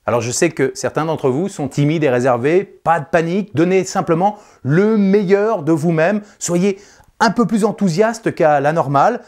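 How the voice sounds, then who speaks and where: A man leading vocal coaching exercises, encouraging the viewer directly and swinging between loud declarations and soft, confidential tones. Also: a little high, normal speed. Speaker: speaking coach.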